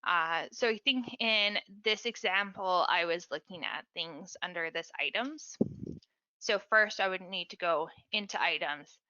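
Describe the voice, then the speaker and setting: A woman with a bright, forceful voice walks through technical steps in a relaxed, chatty way on a webinar. The sound is dry and a little dull, like video call audio. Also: lowish voice, measured pace, dry recording. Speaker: support specialist. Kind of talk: casual webinar explanation.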